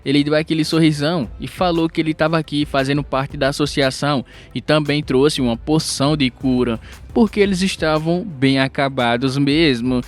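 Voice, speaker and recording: Male recap narrator, voice sitting a bit high, relaxed and chatty, lots of quick asides to the audience. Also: faint music behind. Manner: chatty, animated, with asides to the viewers. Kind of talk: casual storytelling recap.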